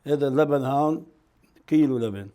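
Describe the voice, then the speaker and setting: Levantine chef guy, soft mellow tone, quick short plain steps, casual cooking demo. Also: mid-range voice. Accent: Levantine Arabic. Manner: plain, brief step-by-step remarks. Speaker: chef demonstrating a recipe.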